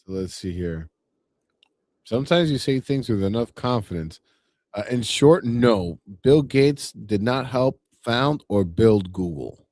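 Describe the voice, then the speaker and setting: A man co-hosting a podcast, speaking in a hesitant way with many "uh"s and pauses. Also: fairly low pitch, expressive, darkish tone, no echo. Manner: hesitant, full of "uh" and "let's see". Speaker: podcast co-host. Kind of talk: casual chat.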